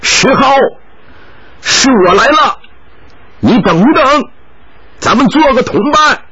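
A man's voice: mid-range voice, wildly swooping pitch, normal speed, dull audio, crowd noise. A man voicing a proud, hot-tempered young swordsman who speaks coldly and sternly. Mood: calling out. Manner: stern, cold, angry.

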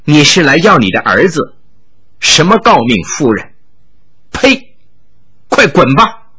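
Brief: icy, contemptuous middle-aged nun, clipped retorts, husky edge, read by a male storyteller. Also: fairly high pitch, sing-song, moderate pace, pushed and bright, exaggerated voice. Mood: scornful. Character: cold scornful middle-aged Buddhist nun, fierce fighter.

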